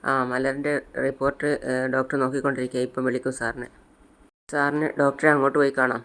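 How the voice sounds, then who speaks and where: A man voicing a brisk hospital nurse who firmly ushers visitors out. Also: medium pitch, level tone, fairly bright tone, natural voice.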